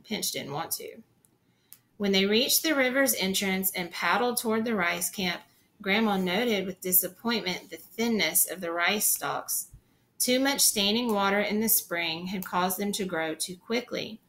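Bright-voiced woman reading a story aloud. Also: medium pitch, measured pace. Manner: stops to explain the story in plain chat. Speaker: reader. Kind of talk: reading a book aloud with commentary.

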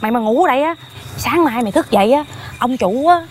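A woman's voice: high-pitched, expressive, fast talker, slight background noise. A woman playing a bossy Southern Vietnamese big sister. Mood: scolding. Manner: scolding, loud and bossy. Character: bossy older sister stealing mangoes, jumpy. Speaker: comedy actor. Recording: music playing behind.

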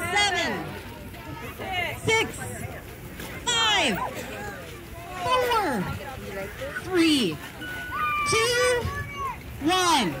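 High-pitched woman calling out encouragement to kids on a noisy field. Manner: encouraging, upbeat, loud to be heard. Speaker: event organizer running a kids' game. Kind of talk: instructing children at an outdoor event. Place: outdoor park field with a crowd of children. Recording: crowd and outdoor noise, phone camera. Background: crowd of children and outdoor noise.

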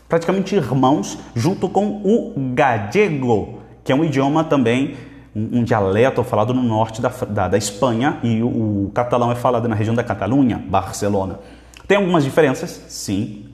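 A man's voice: medium pitch, expressive, normal speed. A Brazilian man teaching Spanish in a live question-and-answer session, reading viewers' questions aloud and repeating phrases with energy. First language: Portuguese. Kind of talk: live Q&A lesson. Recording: echoey room with long reverb.

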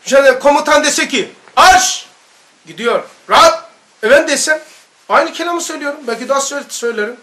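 Male study-circle teacher, very high bright voice, lively, throws rhetorical questions at the room. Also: fast talker. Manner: animated, barks mock military commands. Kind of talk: informal religious lesson.

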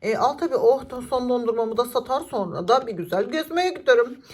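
A woman's voice: on the high side, brisk, a little mellow, slight background noise, lightly acted. Woman voicing a drawling, breezy ice cream seller. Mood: pleased. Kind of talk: children's doll-play story.

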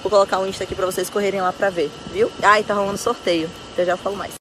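A young dancer and influencer talks to her fans in selfie phone clips, held at arm's length in her bedroom and car. She's chatty and direct, calling them "gente," soft-spoken but firm when setting limits, and keeps asking "tá bom?". Her medium-pitched, fairly even voice comes out rapid-fire over a noisy background.

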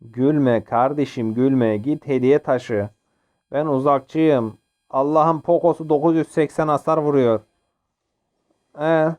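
A man's voice: a little high, takes it slowly. A young man giving casual, jokey commentary while playing a mobile game, often yelping and laughing. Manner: excitable, jokey, yelps and laughs during play. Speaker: gaming channel host.

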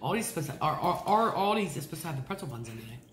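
A middle-aged woman talks casually to the camera while chewing, with mumbled pauses between mouthfuls. Her pitch moves around in a lively way. The room adds noticeable echo, with faint noise behind her. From Ohio, United States. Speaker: eating-show host. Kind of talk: casual chat to camera during a meal. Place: indoor room at a table. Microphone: camera across the table.

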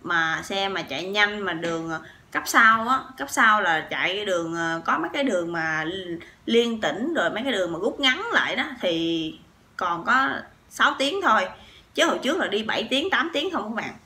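A woman with a Southern Vietnamese accent tells a long personal story to her channel. Her voice is bright and forward, and she talks in a chatty, animated way, piling up fillers and turning to her viewers again and again. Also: medium pitch, moderate pace. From Sóc Trăng, southern Vietnam. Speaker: vlogger.

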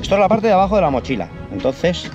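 Playful spanish guy from spain showing toys to kids, super animated, drags out exclamations, music in the back. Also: sits high, fast, muffled recording. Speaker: host dad presenting toys with his kids. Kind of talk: playful toy unboxing and demo for children. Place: outdoors in a park.

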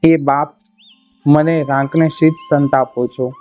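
A man's voice: a little high, steady tone, slow. A man voicing a poor old woman bard who pleads humbly, told within a storybook reading. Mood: pleading. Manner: pleading, imploring. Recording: slightly muffled, soft music behind.

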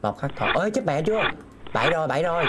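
A man's voice: a little high, sing-song, quick pace, very noisy. A man streaming a game, talking himself through puzzles and reading viewers' messages aloud. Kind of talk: live gameplay commentary.

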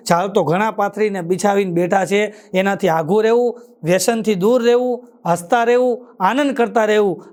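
High-voiced Gujarati stage comedian. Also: male voice. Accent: Kathiyawadi Gujarati. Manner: quick punchlines, ends each joke with a catchphrase. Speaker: stand-up comedian. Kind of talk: live stage joke-telling. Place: live stage show with an audience.

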